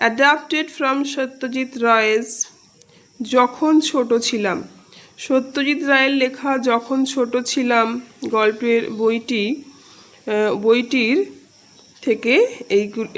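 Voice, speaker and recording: A woman teaches a class in a high, unhurried voice. She reads out words one at a time and follows each with its meaning, in a slow and steady classroom manner. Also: poor audio. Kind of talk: slow classroom-style lesson explanation.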